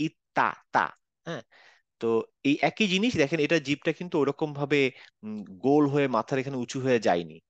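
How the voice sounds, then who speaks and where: Teaching Quran letter pronunciation online, this man patiently repeats every sound to show how it's said. His voice is on the high side, and the recording is dry.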